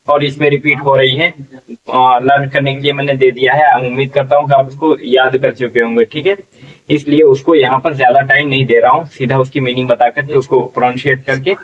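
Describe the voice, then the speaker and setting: A male English teacher slowly sounding out words letter by letter in a spelling lesson, often checking in with the class. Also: medium pitch. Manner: slow, drawn-out syllable-by-syllable sounding out; frequent "theek hai" check-ins. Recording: distant, dull lo-fi recording.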